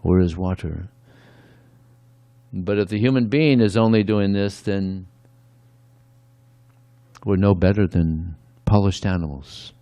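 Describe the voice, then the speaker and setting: Deep gravelly man giving a sermon. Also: slow, long pauses, dark tone, no room sound. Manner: conversational, frequent "yeah" asides. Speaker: speaker at a temple. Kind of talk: devotional sermon.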